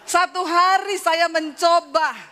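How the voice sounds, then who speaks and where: A woman's voice: extremely high pitch, fairly even intonation, takes it slowly, sharp tone. A woman from Sulawesi preaching a humorous sermon, telling stories with animation and frequent laughter. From Sulawesi, Indonesia.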